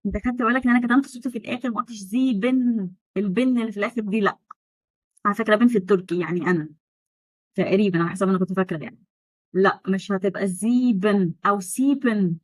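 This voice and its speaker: Fast-talking Egyptian woman teaching German. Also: mid-range voice, no echo, poor audio. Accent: Egyptian Arabic. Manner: chatty, sarcastic asides, drills pronunciation by repeating words slowly. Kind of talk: online language lesson.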